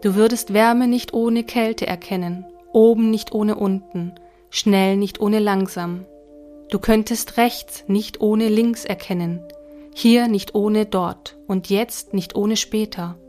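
Kind patient god done by a woman reader, calm and gentle, faint music behind. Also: mid-range voice, slow, close to an everyday voice.

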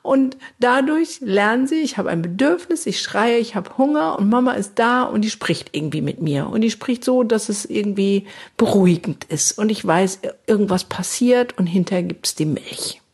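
A woman's voice: medium pitch, lively intonation, moderate pace, hardly any pauses, darkish tone, slightly rough. A woman who trains trauma therapists, explaining in an educational talk, speaking straight to the listener and sometimes acting out sing-song baby talk.

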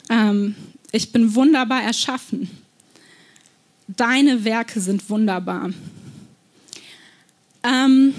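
Young woman, preacher, sermon, earnest, personal storytelling, fairly high voice. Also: a little mellow.

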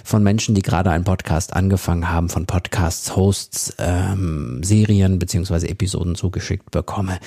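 A man's voice: low voice, fairly even intonation, moderate pace, gravelly, hardly any pauses, dark tone, no room sound, clean studio sound. A man hosting his own podcast, giving direct, conversational advice to listeners in a plain-spoken way. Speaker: podcast host and consultant. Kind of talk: casual solo podcast advice.

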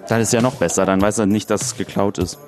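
Deadpan young man, lots of fillers. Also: on the low side, fast talker, over music.

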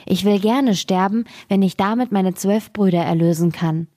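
A woman voicing a brave, tender-hearted young princess in a fairy tale, speaking softly with a pleading tone. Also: medium pitch, normal speed, dry recording, studio quality, natural voice.

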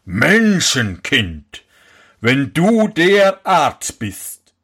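A huge, grumbling storybook giant, voiced by a man reading the tale. He speaks in slow, drawn-out calls, and his pitch swings widely from phrase to phrase. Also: very animated, fairly bright tone, husky, heavily acted. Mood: warning.

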